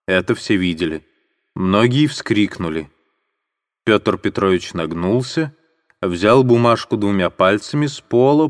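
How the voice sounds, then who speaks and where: A man with a fairly low voice narrates a literary audiobook in a measured, dramatic storytelling style. The recording has a long reverb tail.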